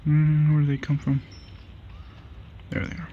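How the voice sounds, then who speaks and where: A man giving casual, excitable commentary while playing a game with a friend, laughing and trash-talking his opponent. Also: on the high side, measured pace, phone-quality sound, slight background noise. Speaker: gaming channel host.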